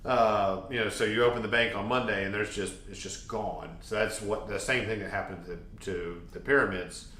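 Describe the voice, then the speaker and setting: A man's voice: on the low side, fairly even intonation, moderate pace, few pauses, sharp tone, echoey room. A man co-hosting a podcast, telling travel stories in a rambling, jokey way and laughing often. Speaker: podcast co-host. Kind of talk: casual travel storytelling.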